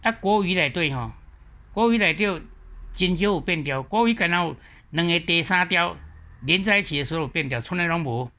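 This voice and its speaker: A man with a Taiwanese accent giving an explanatory lecture, slowly repeating example words one at a time. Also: a little high, animated, sharp tone. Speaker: teacher.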